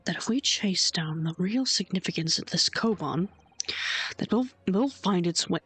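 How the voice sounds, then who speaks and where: A woman voicing an earnest young male defense lawyer who reasons through the case calmly. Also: on the low side, moderate pace, husky, no echo, soft background music. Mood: determined.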